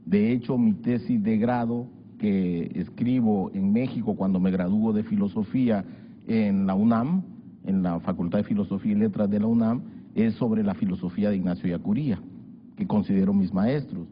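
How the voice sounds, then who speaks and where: A man from El Salvador in his sixties, a journalist guest recounting his life in a measured, reflective way with frequent hesitations. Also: lowish voice. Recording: dull lo-fi broadcast audio with faint hiss.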